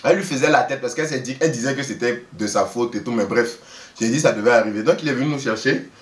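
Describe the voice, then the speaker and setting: A man telling a story in a lively, casual way, often laughing and acting out the people he quotes. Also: mid-range voice, fast talker, distant mic. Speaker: vlogger telling a travel story. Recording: roomy echo, voice away from the mic.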